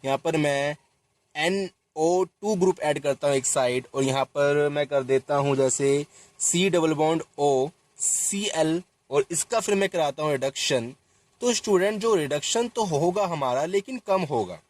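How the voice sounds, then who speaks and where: This young chemistry teacher has a somewhat high voice and a slightly slow pace as he talks through a reaction in a chalk-talk lesson. Speaking right to the class, he repeats points and fixes his mistakes as he writes formulas.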